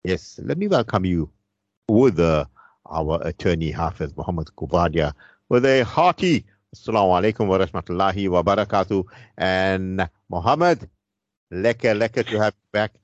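A man with a South African Indian accent from Durban hosts a radio talk in a halting, rhetorical, conversational way. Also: low-pitched, lively intonation. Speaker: radio talk show host. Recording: dull, roomy radio sound.

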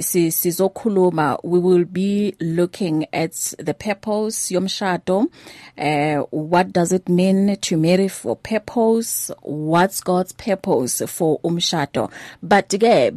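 A woman hosting a faith-based radio talk show, chatty and quick to laugh with her guests. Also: fairly low pitch, warm tone, no echo, studio quality.

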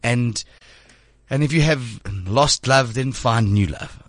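The sound is clean studio audio with no echo, carrying a mid-range male voice that takes its time. He's in his thirties and hosts a show, rambling animatedly in casual studio chat and often stumbling and restarting.

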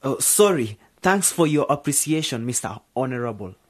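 A man's voice: mid-range voice, expressive, normal speed, breathy edge, dry recording. An actor playing a nervous, clumsy young man who stumbles over his words in a radio drama. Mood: flustered.

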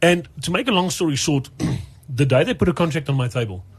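A man's voice: fairly high pitch, fairly quick, husky. A man who works as a radio presenter, telling a personal story in casual talk, acting out the lines of other people with many restarts. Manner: animated storyteller, acts out quotes, many restarts. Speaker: radio presenter and podcast host.

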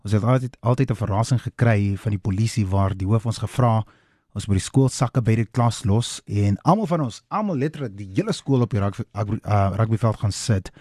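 A man's voice: lowish voice, brisk, a little mellow, no echo, clean studio sound. A South African man hosting a radio phone-in, switching between two languages in an impassioned, direct way and asking rhetorical questions. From South Africa, Free State. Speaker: radio host. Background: music.

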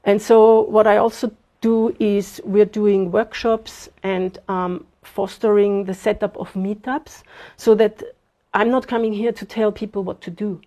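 A woman in her fifties, from Austria, talks through an interview with earnest, steady thought, pausing on fillers as she goes. Her voice has a mellow, darker tone, set at an ordinary pitch for a woman. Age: 50s. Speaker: guest, bitcoin advocate. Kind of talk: casual interview talk.

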